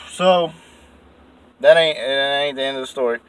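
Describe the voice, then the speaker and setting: A man's voice: mid-range voice, measured pace, a bit bright, clean tone, recorded from a distance, rough recording. Profane rambling man telling a story. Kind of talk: casual storytelling.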